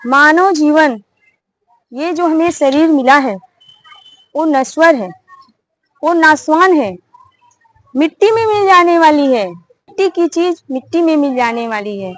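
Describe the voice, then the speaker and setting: A woman's voice: high-pitched, animated, unhurried, pauses often, pitched above the performer's own voice, rough recording. A woman voicing a clever old bird that mocks and lectures a hunter, in a preachy, scolding tone. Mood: preaching. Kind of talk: storytelling.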